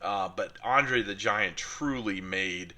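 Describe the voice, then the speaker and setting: Opening collector mail for his card collecting channel, a middle-aged man from the United States talks in a relaxed, enthusiastic unboxing style packed with fillers. He speaks slowly, with a fairly low pitch and a sharp tone.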